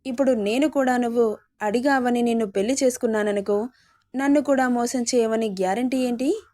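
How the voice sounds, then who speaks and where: A woman's voice: on the high side, fairly quick, darkish tone, dry recording, studio quality, natural voice. A woman reading the lines of a callous young man who mocks his married lover, in a scornful tone. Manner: scornful, mocking.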